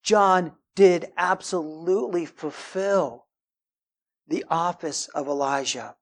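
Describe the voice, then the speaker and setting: Emphatic preacher man. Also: slow pace. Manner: emphatic, rising in pitch and volume for stress, acts out quoted voices. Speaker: pastor. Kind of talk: sermon.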